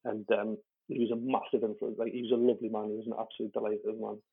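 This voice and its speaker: A stand-up comedian on as a guest races through a frank, meandering story in a husky, gravelly voice that stays flat in pitch. He's rapid-fire, swearing freely, laughing, and constantly using fillers and restarting sentences. The sound is thin and lo-fi, phone-like.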